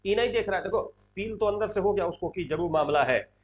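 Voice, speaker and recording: A man's voice: high-pitched, fairly quick, dull audio. A male teacher explaining a play to students, often asking them questions. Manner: asks students questions, animated. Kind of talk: classroom lesson explaining a play.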